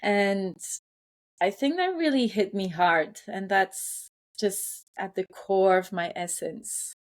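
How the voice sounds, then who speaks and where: A woman with a medium-pitched voice speaks slowly as an interview guest, reflecting on personal stories in conversation. She is an environmental psychologist who was born in France and spent part of her childhood in Kenya, and her phrasing is hesitant and thoughtful.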